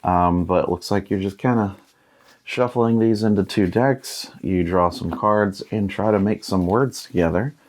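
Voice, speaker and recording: There's slight background noise as a deep-voiced man in his thirties unboxes a board game, speaking at a measured pace. Relaxed and musing, he occasionally reads aloud from the material at hand.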